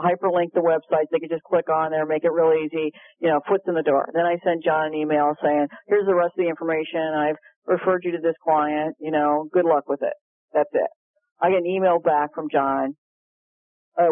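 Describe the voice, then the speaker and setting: A woman guest speaker telling a story on a call-in show, animated and quick to laugh. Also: low voice, no echo. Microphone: telephone. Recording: tinny phone line, dry.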